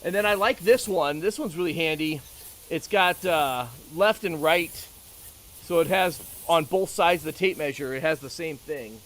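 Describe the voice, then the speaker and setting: Higher-pitched man chatting about gear. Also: moderate pace, a bit bright. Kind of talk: casual chat about tools.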